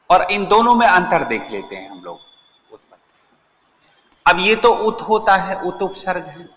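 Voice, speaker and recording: Male grammar teacher at the front of a classroom, a lively voice that rises and falls a lot, asking the class questions and answering them himself. Recorded in a roomy, reverberant room. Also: high-pitched. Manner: repeats key words slowly for emphasis. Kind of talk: classroom lecture. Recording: echoey classroom with long reverb.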